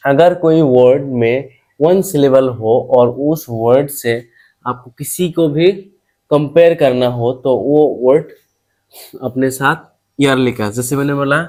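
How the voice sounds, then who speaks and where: Man, English teacher, slow deliberate delivery, repetitive, rhetorical questions. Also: medium pitch, a little mellow. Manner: slow, repetitive, asks and answers own questions. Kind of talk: classroom grammar lesson.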